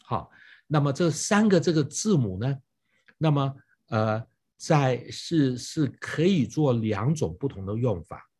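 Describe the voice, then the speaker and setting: Husky man preaching a sermon. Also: mid-range voice, animated, a little slow, darkish tone. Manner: explanatory, frequent "hao" and "ne" fillers, rhetorical questions.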